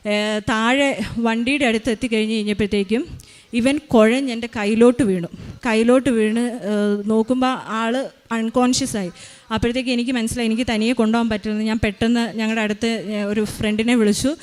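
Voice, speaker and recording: A woman's voice: on the high side, fairly even intonation, fast. A woman in her thirties giving a spoken faith testimony as a mother, retelling events earnestly with many hesitations.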